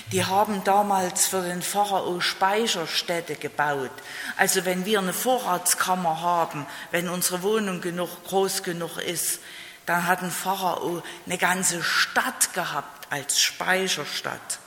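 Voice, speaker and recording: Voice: mid-range voice, sharp tone. A preacher giving a sermon, emphatic, repeating key phrases and asking rhetorical questions. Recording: roomy hall with long reverb.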